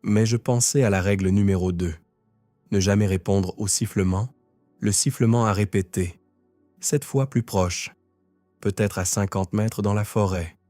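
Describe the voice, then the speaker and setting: A man reading a first-person horror story in a tense, measured way. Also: lowish voice, dark tone, no room sound, faint music behind. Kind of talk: scripted horror narration.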